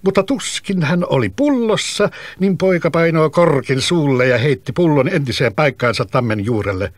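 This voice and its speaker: A man narrating a fairy tale in a calm, even storybook reading. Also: a little high, dry recording.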